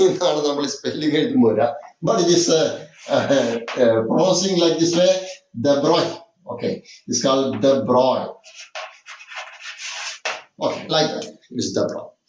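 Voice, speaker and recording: A man's voice: on the high side, roomy sound, a little hiss or hum, poor audio. A man teaching a chemistry lesson with a Malayali accent, switching between English and Malayalam, repeating points with many "okay"s. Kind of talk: classroom lecture.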